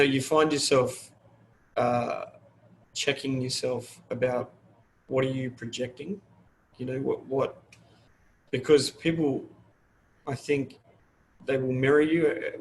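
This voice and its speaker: In a relaxed interview, a middle-aged man who manages a fire service talks candidly, wandering and frequently starting sentences over. He has a medium-pitched, steady voice, a measured pace, and many pauses. The audio is poor, with a little hiss or hum.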